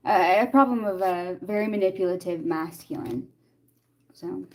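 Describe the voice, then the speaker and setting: A woman's voice: lowish voice, normal speed, a little mellow. Chatty woman giving a tarot reading. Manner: chatty, laughing often, talking to viewers' comments. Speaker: tarot reader. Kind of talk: casual live tarot reading.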